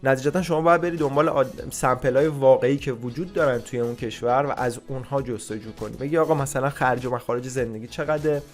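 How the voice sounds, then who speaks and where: A man giving blunt, casual immigration advice, scolding and swearing at times. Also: medium pitch.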